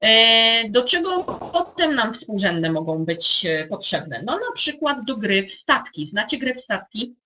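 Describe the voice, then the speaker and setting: A woman's voice: fairly high pitch, sing-song, a little slow, hardly any pauses, bright, forceful tone. A woman teacher explaining a classroom activity to other teachers, with many fillers and restarts. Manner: addresses fellow teachers directly. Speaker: primary school teacher. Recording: dull lo-fi sound.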